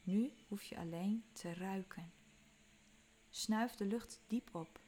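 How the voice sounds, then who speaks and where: A woman leading a guided walking meditation, giving calm, soothing instructions that sometimes drop to a soft whisper. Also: medium pitch, slow pace, slight background noise. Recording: faint music behind.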